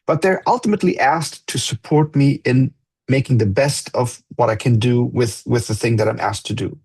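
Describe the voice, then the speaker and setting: A man with a husky, slightly breathy voice at an ordinary middle pitch, hosting a reflective podcast conversation. He speaks in an earnest, thoughtful way and often pauses to search for the right words. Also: a little mellow. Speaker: podcast host.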